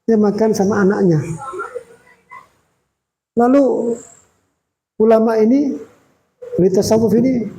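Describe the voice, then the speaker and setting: A man giving a sermon as a visiting preacher in a small prayer room, telling a story in a lively way and acting out the quoted dialogue. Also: high voice, measured pace, long pauses, rough recording.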